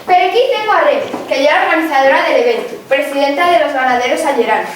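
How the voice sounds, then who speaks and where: A woman's voice: high-pitched, quick pace, slight background noise, close to an everyday voice. A woman with an Asturian accent playing an inquisitive, polite TV field reporter in a mock live report. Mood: upbeat, formal. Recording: very echoey hall, distant mic.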